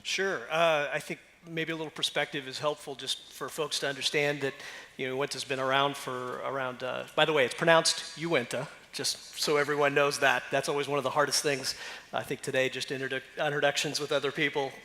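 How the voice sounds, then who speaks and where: Measured man speaking on a stage. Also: mid-range voice, level tone, pushed and bright. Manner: measured, many "uh" fillers. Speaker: brewery marketing executive. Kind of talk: conference panel talk. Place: conference stage. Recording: long reverb of a conference hall.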